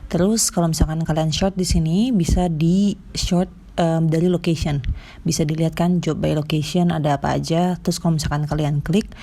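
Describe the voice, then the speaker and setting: A woman's voice: deep voice, fairly even intonation, moderate pace, mellow. Casual Indonesian woman, chatty and informal. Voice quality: slight trouble pronouncing some sounds. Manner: informal, chatty, self-correcting. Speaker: vlogger giving job advice. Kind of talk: casual explainer to camera.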